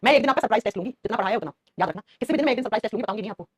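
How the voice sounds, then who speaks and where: Fast-talking, animated woman teacher. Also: on the high side, slightly rough, dry recording. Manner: animated, scolding and affectionate, calls students "beta". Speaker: biology teacher. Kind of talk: live online class answering chat comments.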